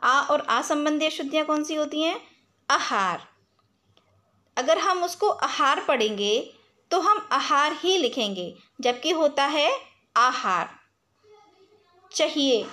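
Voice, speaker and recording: A woman teaching a recorded class, her voice sitting high. She explains each point slowly, repeats it, and asks questions that she then answers herself. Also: a bit bright. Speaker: school teacher.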